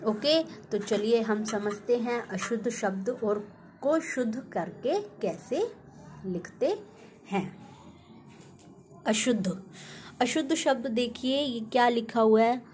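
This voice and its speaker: Young woman teacher, unhurried and deliberate, spells words out letter by letter, quizzes the class. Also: fairly high pitch, expressive, a little mellow. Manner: slow, deliberate, sounding out letters one by one; asks the class questions.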